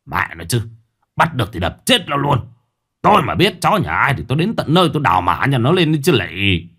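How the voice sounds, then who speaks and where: Gruff hot-tempered village father, played by a man. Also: sits low, sing-song, moderate pace. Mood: angry. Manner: gruff, blustering.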